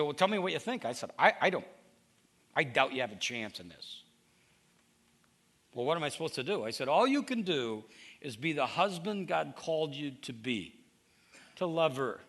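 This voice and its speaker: A middle-aged man preaching a conversational sermon, his pitch leaping around as he tells stories and voices the people in them. His tone is bright and forward, with a gravelly edge at the ends of phrases. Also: sing-song, moderate pace, pauses often. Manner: storytelling, acts out quoted dialogue, frequent restarts. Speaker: pastor.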